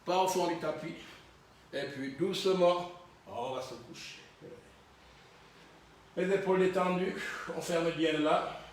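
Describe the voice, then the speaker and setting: Slow-paced man counting down exercises. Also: high voice, distant mic, slight background noise. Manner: counts down reps, calm encouraging cues. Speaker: Pilates instructor. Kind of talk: guiding a fitness class. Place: fitness studio, indoors. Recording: very echoey gym room from afar.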